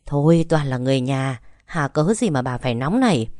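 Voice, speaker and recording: A woman voicing a calm older husband who gently reasons with his angry wife. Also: rumbling low, brisk, no room sound, clean studio sound. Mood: calm reasoning. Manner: soothing, persuasive.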